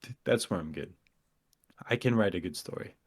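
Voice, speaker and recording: Podcast co-host, male, lowish voice, chatty and analytical, goes on at length about craft. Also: animated, moderate pace, husky. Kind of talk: casual chat.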